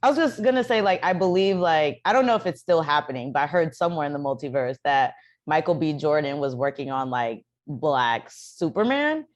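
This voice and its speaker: A woman's voice: low-pitched, expressive, brisk, hardly any pauses, lo-fi sound. A woman co-hosting a casual podcast chat, curious and full of questions. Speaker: podcast co-host.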